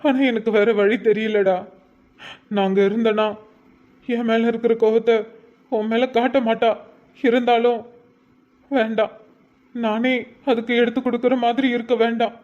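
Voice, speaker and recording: A man voicing a heartbroken young father in a cartoon, speaking softly and pleadingly. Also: very high voice, flat delivery, moderate pace, pauses often. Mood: grieving. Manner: soft, pleading, emotional. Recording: dull lo-fi recording.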